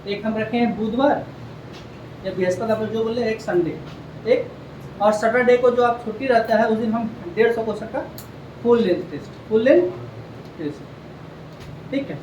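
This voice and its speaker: A man gives a classroom lecture, repeating key facts and firing questions at his students. His voice sits high, and the room rings around it. He is heard from a distance, with faint background noise. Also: steady tone, a little fast, muffled recording. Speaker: coaching teacher. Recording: echoey classroom, heard from afar.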